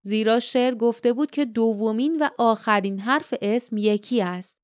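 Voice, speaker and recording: A woman's voice: dry recording, studio quality. A woman narrating an audiobook, reading the dialogue with light character voices. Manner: reads dialogue in light character voices, raising pitch for quotes. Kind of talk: scripted narration.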